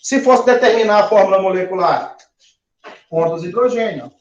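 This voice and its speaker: In a classroom recording that sounds roomy and dull with a little hiss or hum, a chemistry teacher lectures at a moderate pace. His voice sits high, and he puts questions to the class and sounds out syllables as he counts.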